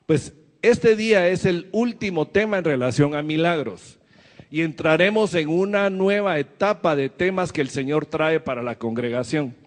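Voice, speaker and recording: A man's voice: on the high side, moderate pace, big-room sound. A man preaching a sermon to his church, asking the congregation questions as he goes. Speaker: pastor.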